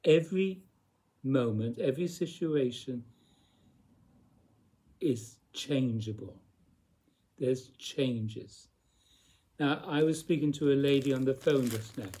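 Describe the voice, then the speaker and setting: A man giving a slow, reflective spiritual talk, speaking deliberately with long pauses and repeated phrases. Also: medium pitch, dark tone, husky. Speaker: spiritual teacher.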